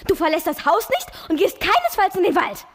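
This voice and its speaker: A young reader voicing a panicked mother in her nightgown, with a shrill, breathless voice. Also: very animated, brisk, big-room sound. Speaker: young reader in a reading contest.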